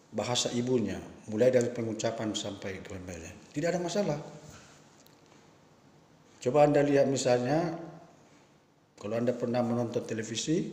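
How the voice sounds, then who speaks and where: A man's voice: mid-range voice, darkish tone. Emphatic man lecturing in an echoey room. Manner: emphatic, rhetorical questions. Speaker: professor giving a talk. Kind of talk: spoken lecture to teachers. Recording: echoey room with long reverb.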